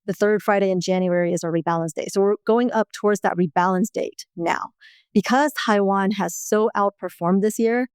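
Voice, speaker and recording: A woman in her forties from China and the US talks through investment ideas in a fluent, explanatory way. Her voice is smooth and resonant, recorded dry and close on a podcast mic. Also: mid-range voice, darkish tone, no room sound. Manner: fluent, explanatory, occasional laughs. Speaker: guest, index fund founder. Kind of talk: conversational interview answers.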